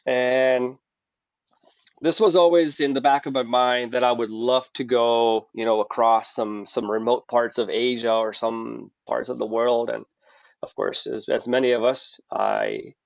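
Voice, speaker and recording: Telling lengthy stories as a podcast guest, a middle-aged Hungarian company founder talks casually and restarts often. He speaks a little slowly in a gravelly, medium-pitched voice with fairly even intonation, and the audio is dry, dull and lo-fi without echo.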